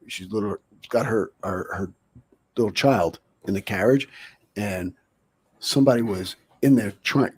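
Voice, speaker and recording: A man's voice: fairly low pitch, breathy edge, dry recording. A man talking as a guest in a casual chat, telling a story in a rambling way full of fillers. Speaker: guest, former bouncer and bodyguard.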